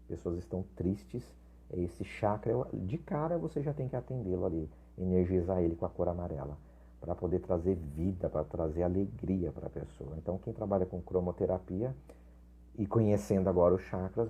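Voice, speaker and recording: Husky deep-voiced man teaching. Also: dark tone. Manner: chatty, frequent tag questions and restarts. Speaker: spiritual teacher. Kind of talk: informal recorded lesson.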